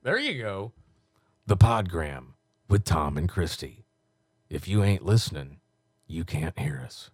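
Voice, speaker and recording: A man recording radio station promos in a deep announcer read, joking and laughing between takes. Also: sing-song, unhurried, husky, no echo. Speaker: radio voice-over talent recording station liners.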